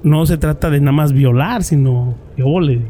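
A man's voice: fairly high pitch, normal speed, mellow, slight background noise. A man with a Mexican accent telling a story in casual, slangy chat, full of restarts and filler slang. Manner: slangy, peppers speech with "güey", many restarts. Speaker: podcast co-host telling a story.

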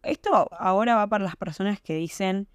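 Brisk, clear and resonant in a mid-range pitch, this young podcast host speaks with an Argentine Spanish accent. The studio-quality, echo-free recording captures her casual monologue, emphatic and peppered with rhetorical questions.

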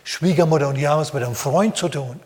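Male pastor, lively storytelling sermon, slightly high voice, hall reverb. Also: quick pace, very noisy. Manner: animated, playful asides and sound effects.

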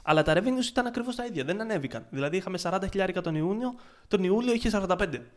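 A man chatting casually on a podcast, retelling his freelance work in an excitable way with many restarts. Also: high-pitched. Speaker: podcast co-host, freelance ads marketer.

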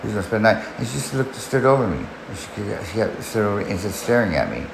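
Fairly low-pitched and very animated, this podcast host talks at a quick pace with vocal fry. He's a man in his forties telling a long personal story, rambling, swearing, and restarting many times. Faint background noise sits under an echoey room.

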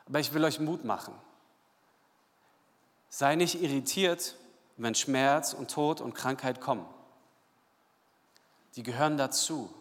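A man's voice: mid-range voice, a little slow, long pauses. Preaching man in a reverberant hall. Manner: casual, lively retelling with voiced quotes. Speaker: pastor. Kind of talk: sermon.

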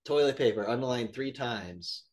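Animated, joking young man on a podcast. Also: mid-range voice, moderate pace. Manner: joking, lively, swears freely. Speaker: podcast co-host. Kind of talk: casual chat.

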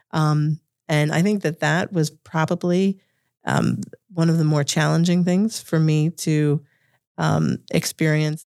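A woman from Massachusetts with a Boston accent speaks as an interview guest, giving considered answers. Her voice has a noticeable gravelly fry, and the sound is dry and close, without room echo. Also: low voice, darkish tone. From Revere, Massachusetts, United States. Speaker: interview guest, corporate lawyer.

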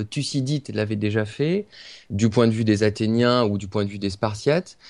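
A man reviews a book for a podcast in a mid-pitched voice. He is earnest and halting, and often stops on filler sounds. The sound is dry and close, with no room echo. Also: darkish tone. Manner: earnest and hesitant, with frequent filler pauses. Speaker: podcast columnist.

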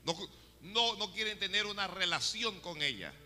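A male preacher giving an animated sermon and talking straight to the congregation in an echoing church hall. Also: high-pitched, moderate pace. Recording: echoey hall with faint music.

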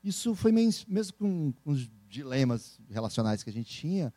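A man with a Brazilian accent, a speaker and entrepreneur, telling stories in a casual interview with animated laughter. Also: a little high, dry recording. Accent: Brazilian Portuguese. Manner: animated, laughing, quick storytelling.

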